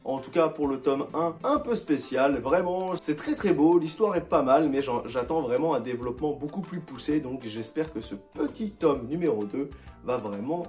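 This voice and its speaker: A man's voice: on the high side, lively intonation, normal speed, darkish tone, faint music behind. A man talking casually and enthusiastically to his viewers as he reviews his monthly manga picks, with slangy, chatty phrasing.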